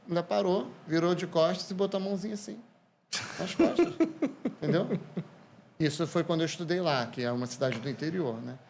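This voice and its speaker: Animated Brazilian man telling stories. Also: fairly high pitch, quick pace, creaky, few pauses, a little hiss or hum. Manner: animated, lively anecdotes. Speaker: podcast guest. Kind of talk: casual storytelling.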